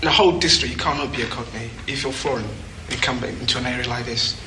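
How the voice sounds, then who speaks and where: A man's voice: medium pitch, fast, pushed and bright. A man interviewee speaking in an emphatic, reasoning way. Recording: echoey with faint noise.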